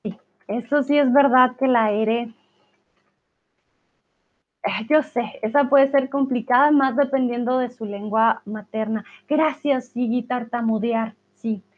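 A woman teaching Spanish in a live class, answering viewer chat and laughing often. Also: on the high side. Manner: laughs often, speaks slowly and clearly. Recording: tinny phone-like sound.

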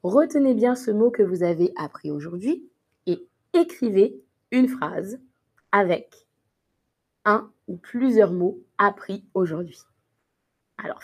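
A woman teaching a live online French lesson, patiently reading dictation sentences and correcting students' answers. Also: medium pitch. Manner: slow, patient, encouraging; repeats practice sentences slowly and clearly.

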